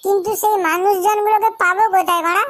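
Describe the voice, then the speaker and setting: A man voicing a squeaky-voiced young friend in a cartoon gang, speaking in a mocking, offhand way. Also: flat delivery, fast talker, a bit bright. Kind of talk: cartoon voice acting.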